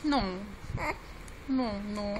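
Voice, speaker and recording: A woman's voice: high-pitched, drawn-out words, darkish tone. A mother coaxing her baby in sing-song baby talk, repeating her phrases, on a noisy home recording.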